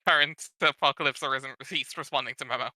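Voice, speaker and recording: A man's voice: medium pitch, steady tone, quick pace, sharp tone, dry recording. A man casually bantering and reading a script aloud as he leads a group session. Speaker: session leader and narrator.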